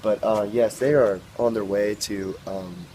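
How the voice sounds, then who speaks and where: A teenage boy plays a live field reporter in a homemade mock news report, halting constantly with uh and um. His voice is fairly low. A faint hiss sits behind him. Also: fairly even intonation, warm tone. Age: teens. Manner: halting, full of uh and um. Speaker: field reporter in a school video project.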